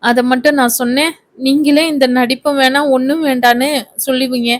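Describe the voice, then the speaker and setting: A woman's voice: sits high, steady tone, a little fast, no echo, close to an everyday voice. Woman voicing a young actress, indignant. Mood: complaining. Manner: indignant, complaining. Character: young actress, daughter, quick-tempered and childish.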